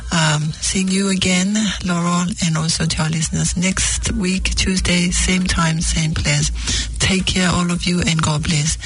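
A woman's voice: sits low, husky, low-quality recording. A woman hosting a radio show, speaking effusively to her guest and listeners and repeating phrases for emphasis. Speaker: radio host.

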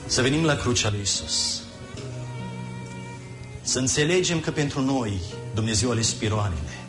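Impassioned male preacher over soft music. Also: medium pitch, animated. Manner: impassioned, emphatic preaching with repeated phrases. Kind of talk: sermon.

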